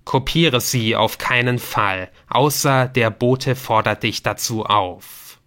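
A man voicing a mysterious computer game that speaks in slow, loud, solemn pronouncements. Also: medium pitch. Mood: solemn commanding.

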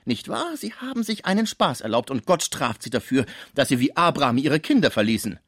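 A man reading aloud and voicing a nosy, chattering middle-aged concierge woman who scolds and gossips in a high, shrill voice. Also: very animated, a little fast, fairly bright tone, no echo, clean studio sound. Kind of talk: radio book reading.

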